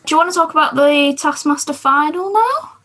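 A woman's voice: high-pitched, animated, fairly quick, fairly bright tone. A woman co-hosting a podcast, chatting enthusiastically about TV shows with lots of fillers. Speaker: podcast co-host. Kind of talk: casual chat about TV shows.

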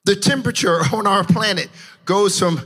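A man with a very high, bright voice preaching a sermon with fervor, rising into shouted, sing-song cadences. His tone is a little husky at the edges. He is heard in a church with a long, ringing reverb and faint band music behind him. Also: normal speed. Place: church sanctuary.

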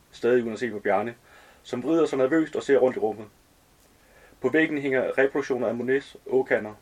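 Male author, calm even reading of his own novel. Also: mid-range voice, husky.

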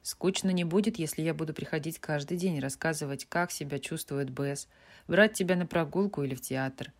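A woman reading the lines of a kind young man in a storybook, calm and reassuring. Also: deep voice, a little fast.

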